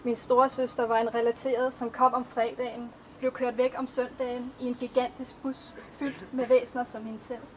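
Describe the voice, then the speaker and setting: A woman reading her own poems aloud at a live event, in a slow, measured recital. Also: fairly high pitch, flat delivery, slight background noise, rough recording. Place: outdoor festival stage.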